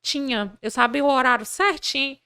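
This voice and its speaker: High, bright-voiced woman telling animated stories. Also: moderate pace, smooth, no echo, studio quality. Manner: animated, acts out dialogue in her stories. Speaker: podcast guest, business leader. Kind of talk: conversational interview.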